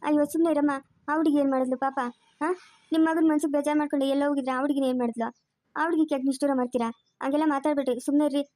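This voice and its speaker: A woman's voice: high-pitched, steady tone, racing, no room sound, natural voice. A woman doing a kind village neighbour woman. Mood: pleading. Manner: pleading, scolding gently. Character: kind middle-aged village neighbour woman, fair-minded.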